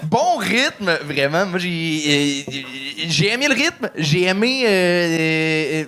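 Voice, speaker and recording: A man's voice: high voice, very animated, slow pace. A man, judging a comedy set, giving hesitant feedback full of fillers. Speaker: comedy show judge. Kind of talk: giving critique.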